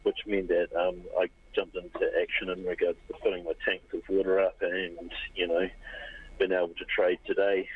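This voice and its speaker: A New cafe owner talks in an easygoing, rambling way with plenty of fillers. His voice is low and husky. The sound is thin and phone-like. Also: little pitch movement, normal speed. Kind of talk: casual interview clip.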